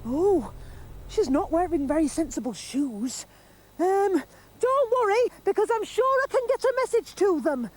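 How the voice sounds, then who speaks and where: Very high-pitched eager little bear. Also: female voice, very animated, unhurried, a little mellow, slight background noise, heavily acted. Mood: reassuring, earnest. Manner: earnest, reassuring, childlike. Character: eager, caring young male teddy bear adventurer. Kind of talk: children's educational puppet drama. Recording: music behind the voice.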